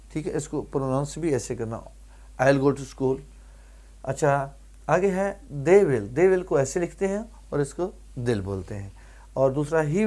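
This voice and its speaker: A man's voice: a little high, darkish tone. A man teaching English grammar in a video lesson, explaining step by step with frequent fillers and checking in with his viewers.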